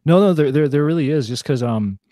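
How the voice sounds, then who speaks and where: Rambling young man, mellow voice. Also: on the high side, expressive, fairly quick, no echo, studio quality. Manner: rambling, lots of fillers and restarts. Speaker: podcast co-host. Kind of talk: casual chat.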